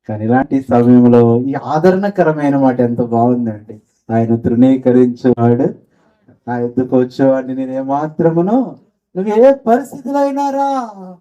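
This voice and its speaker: A man preaching a sermon, telling stories with acted voices and breaking into slow sung hymn lines. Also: mid-range voice. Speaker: pastor. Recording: dull lo-fi sound.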